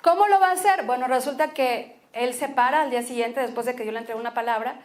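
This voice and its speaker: A woman pastor with a Mexican Spanish accent preaching a sermon, expressive and repeating phrases for emphasis. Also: high voice, fast talker.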